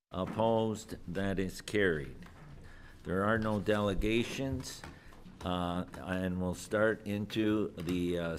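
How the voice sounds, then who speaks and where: A man, speaking as a mayor formally chairing a council meeting in a measured, procedural manner. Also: on the low side. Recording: clear background room noise.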